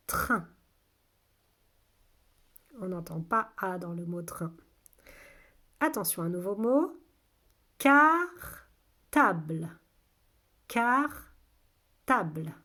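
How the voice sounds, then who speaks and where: A woman teaching a phonics lesson to young children, saying each word slowly twice in an exaggerated way, patient and clear. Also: on the low side. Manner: slow, exaggerated word pronunciation. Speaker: kindergarten teacher.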